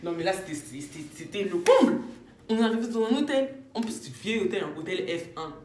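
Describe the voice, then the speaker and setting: Animated young woman telling a story. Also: mid-range voice, a little fast. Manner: animated, slangy, acts out quotes. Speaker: vlogger. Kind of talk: casual storytime. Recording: echoey room.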